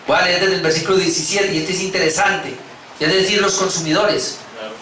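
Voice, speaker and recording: A man's voice: high-pitched, brisk, sharp tone, slight background noise. A male pastor with a Colombian Spanish accent preaching, who reads scripture aloud with rising emphasis and adds asides. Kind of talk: expository sermon reading scripture. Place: church hall. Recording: echoey hall, mic at a distance.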